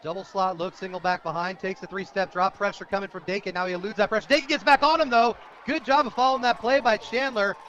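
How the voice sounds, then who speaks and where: Calling a football game live on the radio, the American play-by-play announcer follows the action in a high, slightly bright voice, keeping a steady tone and a quick pace with few pauses. Between plays he reads sponsor plugs, and the broadcast sounds dull and lo-fi with a faint hiss or hum.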